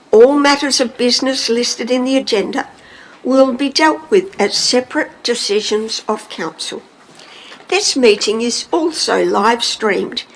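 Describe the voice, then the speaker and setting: Gravelly formal woman mayor. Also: a little high. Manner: measured, formal procedural delivery. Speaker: mayor chairing a council meeting. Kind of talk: formal meeting chairing. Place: council chamber. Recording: echoey chamber, faint room hiss.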